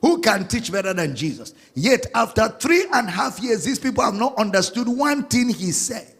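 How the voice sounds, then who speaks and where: A man preaching a sermon as a pastor, singing out scripture lines and spelling words slowly. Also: sits high, big pitch swings, creaky, a bit bright, husky, in a large hall.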